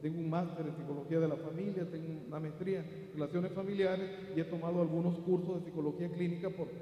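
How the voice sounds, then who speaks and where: Mexican man preaching, high voice, mellow tone, big echoey church hall, emphatic rises, soft asides. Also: fairly even intonation, quick pace. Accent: Mexican Spanish. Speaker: pastor. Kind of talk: sermon.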